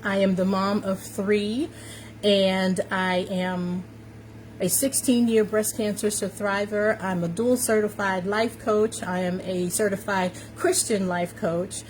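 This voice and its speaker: Her mid-range voice moves slowly on a rough recording, steady fan noise running behind it in a warm indoor room. She is a fifty-five-year-old confidence coach from New York City with an American accent, chatting upbeat and emphatic on a casual livestream and frequently repeating herself.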